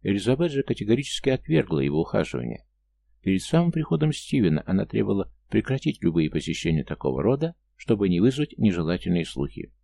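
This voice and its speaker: A man reading an audiobook, voicing a gentle, apologetic aristocratic mother who speaks softly and coaxingly. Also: lowish voice, big pitch swings, quick pace, gravelly, exaggerated voice.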